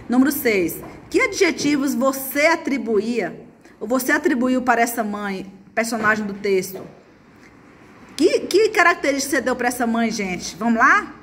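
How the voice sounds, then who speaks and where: A woman's voice: on the high side, fairly bright tone, slight background noise. Coaxing Brazilian woman teacher. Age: adult, mother. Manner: chatty, coaxing, often adds "gente". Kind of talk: remote lesson for schoolchildren.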